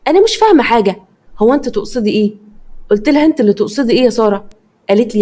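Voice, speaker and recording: Fast-talking Egyptian woman storyteller. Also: on the high side. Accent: Egyptian Arabic. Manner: quick, lively dialogue voicing. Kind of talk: first-person story narration.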